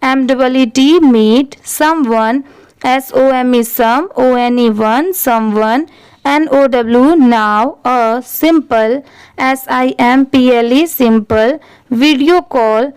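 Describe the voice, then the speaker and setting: Lady teacher spelling words out one letter at a time, really slow, crisp clean voice, dry sound. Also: high voice, a little mellow, dry recording. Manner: spells words letter by letter, then repeats them. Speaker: English reading teacher. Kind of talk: slow spelling-out reading lesson.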